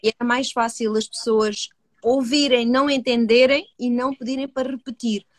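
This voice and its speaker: A woman with a European Portuguese accent speaks earnestly and in a measured way, co-hosting a live talk as a hypnotherapist. She asks herself rhetorical questions and answers them. Her slightly high voice sounds close and dry. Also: fairly even intonation, dry recording. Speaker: co-host, hypnotherapist. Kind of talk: live-stream discussion.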